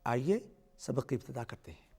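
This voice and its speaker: A man hosting a Quran recitation lesson. He recites verses slowly and drawn out, then explains the pronunciation rules quickly. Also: medium pitch, expressive, a little mellow, breathy edge. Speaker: Quran teacher and host.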